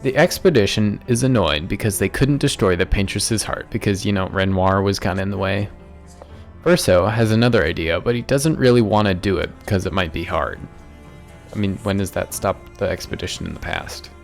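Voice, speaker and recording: A man's voice: deep voice, fairly quick, gravelly, faint music behind. A man giving a casual, joking recap of a video game's story, rambling into offhand asides. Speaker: gaming YouTuber.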